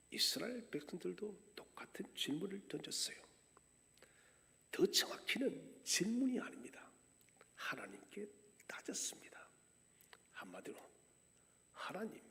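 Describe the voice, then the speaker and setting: Pastor, male, sermon; dramatic delivery that acts out complaints; gravelly, wildly swooping voice. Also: a little high. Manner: dramatic preaching, acting out the people's complaints with sudden loud outbursts. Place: church sanctuary. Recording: long church-hall reverb.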